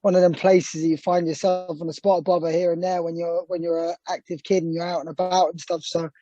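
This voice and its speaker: A man's voice: on the high side, level tone, fast talker, warm tone, no room sound, lo-fi sound. A young man from England, a boxer, answering interview questions casually with rambling sentences and many fillers.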